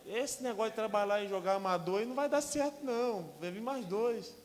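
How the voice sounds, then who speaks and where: Man doing his loud, excited old father. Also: very high-pitched, fairly quick, voice pushed up. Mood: urging. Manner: loud, emphatic pleading. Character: excited older father urging his son. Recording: long hall reverb with faint hiss.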